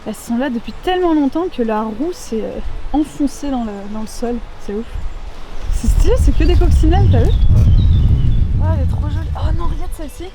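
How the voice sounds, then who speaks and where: A young woman chatting casually on a vlog while exploring abandoned places outdoors, excitable and exclamatory, with a handheld camera. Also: high-pitched, fairly quick, noisy background. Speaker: urbex vlogger. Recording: clear background music.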